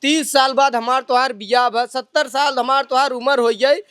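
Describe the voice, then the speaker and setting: A woman's voice: high-pitched, fairly even intonation, normal speed, fairly bright tone, dry recording, studio quality. A woman with an Awadhi accent acting as a lecherous, stammering village father-in-law of about seventy in a comedy sketch. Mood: pleading. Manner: stammering, whiny, defensive.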